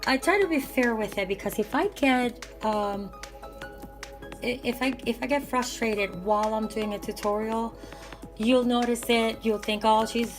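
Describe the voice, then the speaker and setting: Raspy, worn-out woman rambling over music. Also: on the high side, unhurried. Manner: rambling, hesitant, self-correcting. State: worn out, with bronchitis. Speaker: art supply vlogger. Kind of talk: casual unboxing chat, ASMR.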